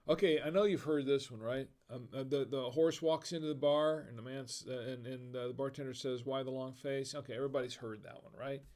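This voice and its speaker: A man's voice: medium pitch, steady tone, brisk, a little mellow. An American man hosting a casual live stream, telling corny bar jokes, chuckling at them himself and reading viewer comments aloud. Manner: tells dad jokes and laughs at them; reads chat comments aloud. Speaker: livestream host.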